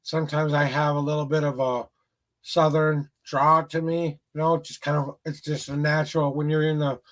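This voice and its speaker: In a livestream chat with viewers, a man gives a casual tarot reading, rambling with lots of repeated words and restarts. His voice sits on the high side, his tone is level, his pace moderate, and his accent is rural Minnesota Midwest.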